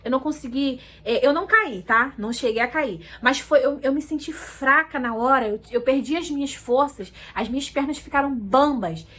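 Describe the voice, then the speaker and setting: A high-pitched woman speaks straight to her viewers in a casual, heartfelt testimony. She repeats herself and keeps calling out to her audience. By her own account she is shy and soft-spoken. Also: normal speed, few pauses, rough recording. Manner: emotional, repetitive, addresses viewers as "gente". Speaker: vlogger giving a religious testimony. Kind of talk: casual personal testimony to camera.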